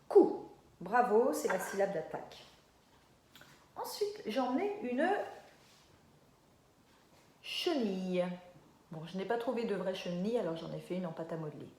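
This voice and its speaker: A woman teacher leading a lesson for young children, stretching words slowly and praising often. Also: mid-range voice, very animated, a little mellow, echoey room. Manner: slow, drawn-out syllables, encouraging.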